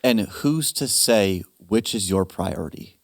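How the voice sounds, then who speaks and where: Male webinar host, low voice, dry close sound, casual and animated. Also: dry recording. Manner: animated, quick asides and restarts. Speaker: financial planner hosting a webinar. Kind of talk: casual advice talk.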